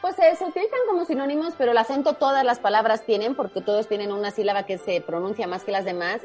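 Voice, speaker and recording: A woman from Spain who patiently explains spelling rules step by step in a casual chat. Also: medium pitch. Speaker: spelling quiz guest expert.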